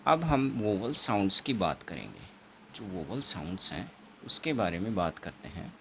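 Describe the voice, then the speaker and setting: A man teaching an exam-prep phonetics lesson, explaining slowly and repeating himself, writing on a board as he talks, with Indian English words. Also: low voice, sing-song, sharp tone, slight background noise. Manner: slow, repetitive teaching with frequent checks; writes on a board while talking.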